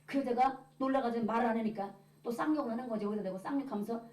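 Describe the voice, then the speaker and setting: A woman's voice: a little high, very fast. A woman evangelist giving a church testimony and telling her story with acted-out dialogue. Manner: lively storytelling, acting out dialogue. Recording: echoey, from a distance.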